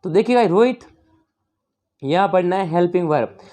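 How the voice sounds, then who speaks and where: A woman tutor who works through an exam paper in a chatty way, keeps turning to her viewers and reads the English lines out slowly. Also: fairly low pitch, animated, mellow. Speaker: online tutor.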